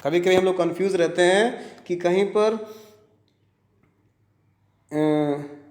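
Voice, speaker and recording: A man's voice: sits high, slow pace, a little mellow. A male teacher with an Indian accent, giving a grammar lesson and drilling word lists by repetition while checking that students follow. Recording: echoey room.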